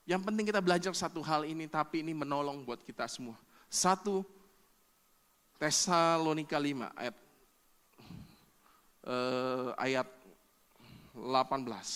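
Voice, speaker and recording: A middle-aged man from Indonesia preaching a sermon as a pastor, animated and acting out everyday quarrels in changing voices. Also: a little high, smooth.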